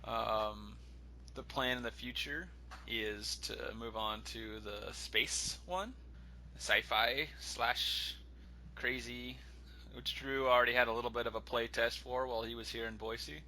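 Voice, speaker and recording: Slow-paced, very bright-voiced male game master. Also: mid-range voice, fairly even intonation, slight background noise, rough recording. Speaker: game master, podcast host. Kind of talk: improvised tabletop game narration and banter.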